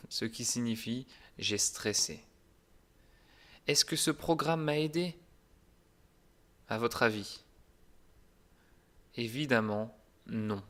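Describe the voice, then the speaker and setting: A man teaching a language lesson in a calm, deliberate, clearly articulated way. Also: mid-range voice. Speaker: French teacher.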